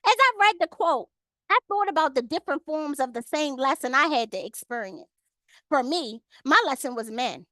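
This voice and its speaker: A woman with a high, light voice teaches a Bible study over a video call. She reads the verses steadily and then speaks directly to the women in the group, calling on them by name. The sound is dry, with no room echo. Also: lively intonation, normal speed, bright, forceful tone. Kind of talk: online Bible study lesson.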